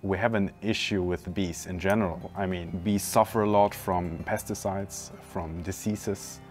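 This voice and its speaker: A man in his twenties, an industrial designer, calmly explaining his project in a documentary interview with a few restarts. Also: low-pitched, measured pace, soft background music. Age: 20s. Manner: calm, explanatory, some restarts. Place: indoor hallway by large windows.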